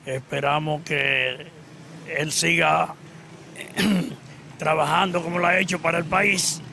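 An older man with a Dominican accent, speaking slowly in a street interview. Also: on the high side, steady tone, vocal fry, sharp tone, a little hiss or hum. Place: outdoors on a street.

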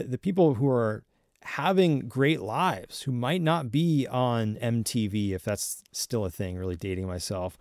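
A young man speaking as a podcast guest, explaining his ideas earnestly and taking his time. He often restarts a phrase as he thinks. His voice sits at a middle pitch and is recorded close and dry. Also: darkish tone, no room sound. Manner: earnest, measured, with frequent restarts. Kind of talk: thoughtful conversational explanation.

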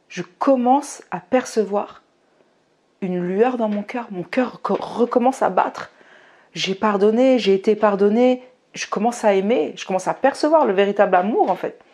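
Brief: young woman, low-pitched, emotional testimony, drops to a hush then rises fervently. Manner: emotional, swinging between hushed and fervent. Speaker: person giving a faith testimony. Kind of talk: personal testimony.

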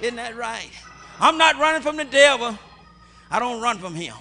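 A middle-aged man preaching a call-and-response sermon as bishop, chanting short phrases that rise to shouts. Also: very high voice, lively intonation, moderate pace. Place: large church sanctuary with congregation. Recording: music and crowd noise from a church service.

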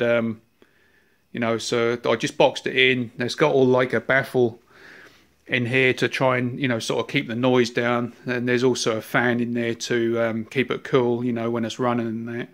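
Flat-voiced New Zealand man touring workshop. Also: mid-range voice. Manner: relaxed, rambling with many fillers. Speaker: workshop owner. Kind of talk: casual workshop tour. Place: large cluttered workshop. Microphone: handheld phone camera.

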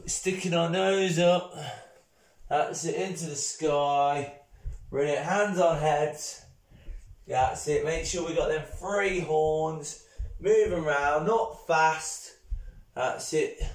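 A man leading a toddlers' PE class, speaking slowly and patiently and checking in with "okay? all right?" after nearly every phrase. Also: on the high side, darkish tone. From United Kingdom. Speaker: kids' PE instructor. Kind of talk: children's exercise class. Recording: echoey room.

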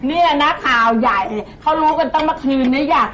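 An actress playing a blunt, mocking older maid. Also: female voice, high-pitched, brisk, highs cut off, natural voice. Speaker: older housemaid. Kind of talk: TV drama acting. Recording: loud noise and crowd over the voice.

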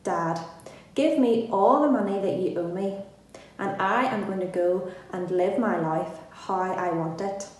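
A woman's voice: medium pitch, a little slow, a little mellow, lightly acted. A woman voicing a foolish young son who has run off and ended up broke and sorry, in a children's Bible story. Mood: demanding. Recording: echoey room, distant mic.

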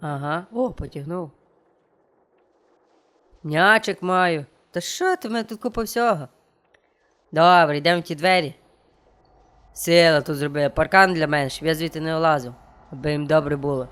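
A man's voice: a little high, normal speed, long pauses, a bit bright, clean tone. A young man, joking and talking to the game as he plays. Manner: joking, talks to the game and viewers. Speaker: let's play streamer. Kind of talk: playful gameplay commentary.

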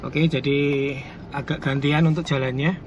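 A man's voice: on the high side, fairly even intonation, normal speed. Chatty man narrating while driving. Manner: chatty, keeps addressing viewers as colleagues. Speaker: car vlogger driving. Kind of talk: casual driving commentary. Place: inside a moving car. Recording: slightly muffled, faint road noise.

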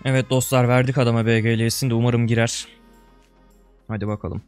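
A young man with a clear, resonant tone gives brisk, casual gameplay commentary as a video creator, his pitch moving little. He talks to viewers like a pal in slang, alternating between loud outbursts and low mutters, with faint music behind.

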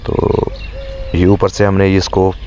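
A man narrating a walking-tour travel vlog outdoors from a chairlift, with leisurely, admiring commentary and filler pauses. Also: low voice, monotone, dark tone, a little hiss or hum. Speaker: travel vlogger. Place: outdoors on a chairlift over a lake.

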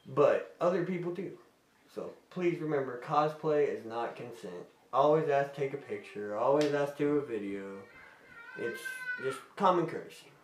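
Speaking at a moderate pace with a fairly high, expressive voice, a man answers fans' questions in a loose Q&A vlog. The recording is roomy and off-mic, with a distant microphone and a noisy background, and he rambles warmly while breaking off mid-sentence.

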